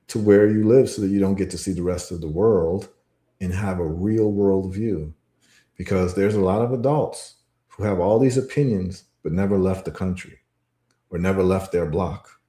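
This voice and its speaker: A man's voice: low-pitched, dark tone, echoey room. A man from Ghana talking in a casual show monologue, emphatic and repetitive as he tells stories. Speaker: podcast guest.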